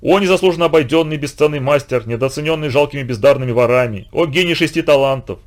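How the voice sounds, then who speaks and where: A man's voice: on the high side, quick pace, lightly acted. Man voicing an earnest flustered detective. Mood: exclaiming. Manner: exclamatory, flowery praise.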